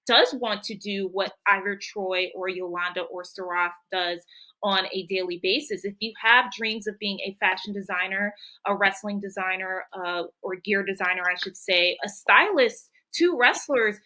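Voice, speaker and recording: A woman's voice: mid-range voice, normal speed, sharp tone, low-quality recording. A woman moderating a livestream panel as host, speaking in an effusive, encouraging way.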